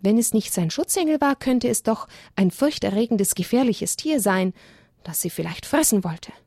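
A woman reads a children's story aloud, gently and expressively. Her voice is gravelly and a little husky. The recording is dry and close. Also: mid-range voice, lively intonation, normal speed, no echo.

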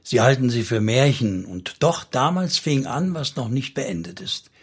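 A man voicing a thoughtful, tender old prophet who speaks in a measured, grave way in an audiobook reading. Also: mid-range voice, lively intonation, husky. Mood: wondering.

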